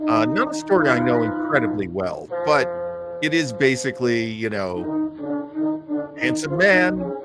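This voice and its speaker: Loud music plays behind this old-time radio host as he talks to his live audience in an unhurried, sing-song, medium-pitched voice. His chat is casual, enthusiastic, and rambling.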